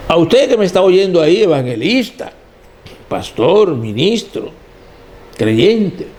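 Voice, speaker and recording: A man's voice: sits high, very animated, takes it slowly, a little mellow, slight background noise. A man preaching a sermon as pastor, emphatic and addressing the listeners as brother.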